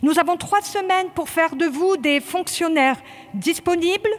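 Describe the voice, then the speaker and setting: A woman's voice: extremely high pitch, measured pace, long reverb tail. A woman voicing a stern male police training lieutenant who drills recruits in barked, clipped commands.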